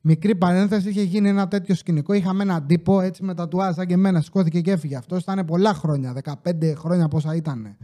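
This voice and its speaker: A man hosting a podcast, telling comic stories in a casual, animated way, acting out what customers said and swearing freely. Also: sits high, few pauses. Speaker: podcast host.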